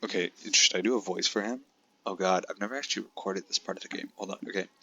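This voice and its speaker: A young man giving casual, chatty let's-play commentary, excitable and talking straight to his viewers. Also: low voice, fast talker, vocal fry, highs cut off. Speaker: gaming commentator.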